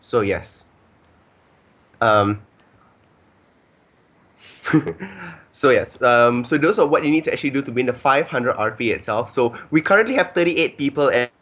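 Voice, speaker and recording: A man's voice: mid-range voice, animated, unhurried, long pauses, a bit bright. A man hosting a casual podcast, rambling with many ums and filler phrases. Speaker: podcast host.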